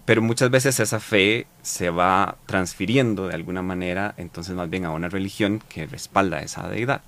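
A man with a Costa Rican accent answering interview questions in a reflective, halting way, with many fillers and repeated words. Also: deep voice, creaky, a bit bright. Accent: Costa Rican Spanish. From Costa Rica. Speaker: interview guest.

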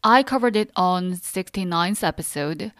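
Slow, clear-voiced woman teaching on a podcast. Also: on the low side, lively intonation, a bit bright, no echo, studio quality. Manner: simple explanations addressed directly to learners. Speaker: host of a Korean lesson podcast. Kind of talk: instructional podcast narration.

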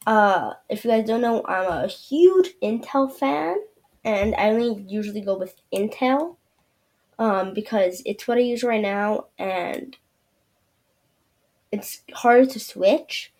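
A woman podcast host talks through a screen-share review in a loose ramble, leaning on fillers and trailing "yeah"s. Her mid-range voice is a little mellow, with lively intonation at a slow pace.

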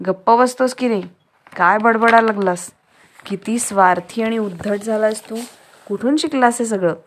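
This is a strict but caring father in a children's story, voiced by a woman. He scolds in a raised, forceful voice and explains firmly. It stays close to the reader's own voice. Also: medium pitch, fairly even intonation, moderate pace, slight background noise, close to an everyday voice. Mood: scolding.

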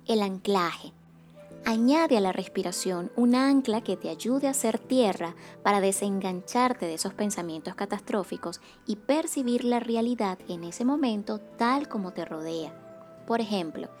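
A woman hosts a wellness podcast and reads from a script in a calm, measured voice. She speaks softly and evenly at a mid pitch. Faint music plays underneath. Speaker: podcast host, psychocorporal facilitator.

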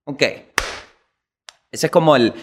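A man with a Venezuelan accent hosting a comedic news monologue, animated and slangy, swearing and jumping into quick impressions. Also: fairly high pitch, a little hiss or hum. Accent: Venezuelan Spanish. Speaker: comedy show host.

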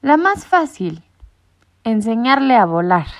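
A woman's voice: a little high, moderate pace, darkish tone, voice pushed up, lightly acted. A woman voicing a big male tomcat who speaks in a dry, ironic way. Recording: muffled lo-fi recording.

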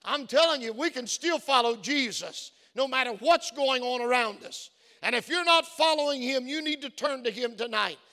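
In a very high-pitched, expressive voice with a sharp tone, a pastor preaches at a moderate pace with few pauses. His voice is worn from many phone calls; his earnest storytelling grows into fervent exhortation. A church hall's long reverb lingers around his words.

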